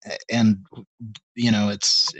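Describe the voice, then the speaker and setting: A man's voice: lowish voice, little pitch movement, a little slow, slightly rough, dry recording, poor audio. A middle-aged man hosting a live stream, rambling in casual chat with many hesitations and wry, self-deprecating asides. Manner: meandering and hesitant, full of ums and restarts. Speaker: host of a live call-in stream.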